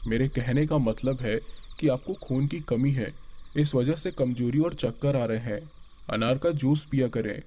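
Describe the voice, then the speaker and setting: A man's voice: mid-range voice, measured pace, dark tone, natural voice. A man doing a placating village doctor.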